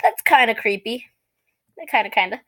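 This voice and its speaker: Excitable young woman reading creepy stories. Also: on the high side, normal speed. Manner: excitable, shrieks and laughs between readings. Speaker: reaction video creator. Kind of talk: reading aloud and reacting.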